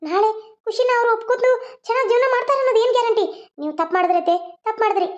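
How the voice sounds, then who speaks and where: An indignant young cartoon wife, played by a woman, scolding her mother-in-law. Her voice sits high and the words come quickly. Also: lo-fi sound. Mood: reproachful. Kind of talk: cartoon voice acting.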